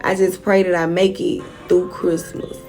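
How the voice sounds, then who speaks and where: A woman's voice: fairly low pitch, level tone, moderate pace, darkish tone, faint music behind. A young woman vlogger telling a personal story straight to her viewers, frank and often profane.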